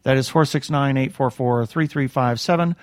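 A podcast host casually reads out announcements for his webcast and then signs off. His mid-range voice moves at normal speed, recorded clean in a studio with no echo.

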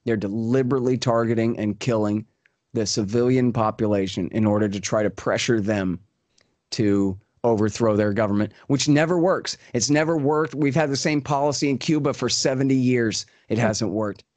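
A man's voice: mid-range voice, darkish tone, no echo. A man giving emphatic political commentary, with fillers and repeated points. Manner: emphatic, repetitive, fast-talking with fillers. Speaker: guest commentator.

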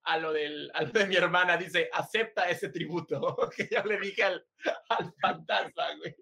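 A Mexican-accented man with a fairly high voice tells a personal ghost story on a podcast. He is casual and animated, drops slang freely and laughs often as he talks. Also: normal speed, vocal fry. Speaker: podcast co-host.

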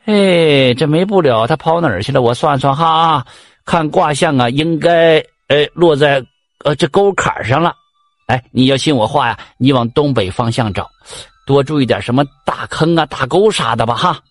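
A sly village con man with a Northeastern Mandarin accent, who poses as a fortune teller and stammers through his fake reckoning in a drawn-out, mock-mystical way, as a male storyteller puts him on. The voice sits a little high and sounds dry and close to the mic. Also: no echo, close to an everyday voice. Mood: scheming.

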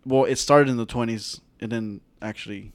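A man's voice: medium pitch, steady tone, moderate pace, smooth, no echo. A man with a mid-range voice reads the next question to his friends. He talks casually and hesitantly, full of ums and likes. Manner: hesitant, with fillers. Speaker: podcast co-host reading questions. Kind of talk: casual group chat.

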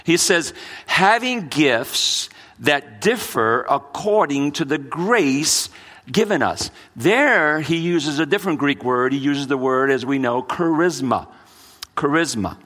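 Delivering a sermon slowly and forcefully, this middle-aged pastor from the United States has a bright, expressive voice on the high side. He mixes New Orleans and Brooklyn in his accent and preaches with earnest repeats and frequent restarts.

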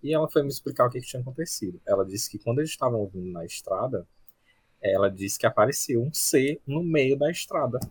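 A man with a husky voice tells a story on a podcast with lively, anecdotal energy. His pitch sits in a middle range. The recording is dry and close-miked. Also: fast talker, dry recording. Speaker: podcast co-host. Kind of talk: casual podcast chat.

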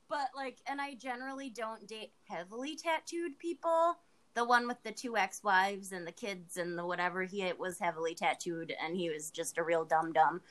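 A woman's voice: mid-range voice, moderate pace, a bit bright. A woman co-hosting a casual chat, telling candid, crude dating stories and laughing often.

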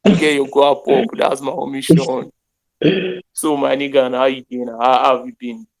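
Over an internet call with poor audio, a young Nigerian man with a Nigerian accent hosts a podcast, chatting casually in pidgin and English with Yoruba phrases and joking along the way. His mid-range voice is level and fry-tinged, at a normal speed.

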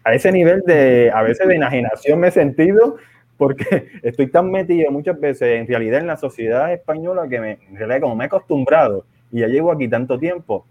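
A man from Puerto Rico with a Puerto Rican Spanish accent, partly softened by years in Spain, speaking as a guest in a casual conversation and explaining things at a measured pace. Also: mid-range voice, lively intonation. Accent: Puerto Rican Spanish, partly softened by living in Spain. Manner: explanatory, measured, chuckles often. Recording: tinny phone-like remote line.

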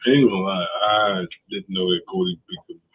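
A man from Delaware co-hosting a podcast, chatting casually in a laid-back, unhurried way. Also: sits low, slightly rough. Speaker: podcast co-host. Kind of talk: casual chat. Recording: tinny phone-like line.

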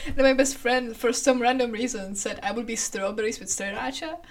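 A young woman co-hosting a casual podcast, chatty and quick to laugh, recorded in a kitchen. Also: fairly high pitch, distant mic, over music. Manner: giggly, animated, laughs often. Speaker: podcast co-host. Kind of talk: casual chat. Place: youth center kitchen.

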